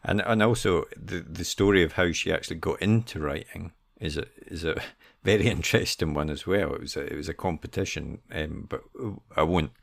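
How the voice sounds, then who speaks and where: Man, podcast co-host, rambling casual chat, very deep with gravel in it. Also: fairly quick, hardly any pauses. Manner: loose, rambling delivery with many fillers.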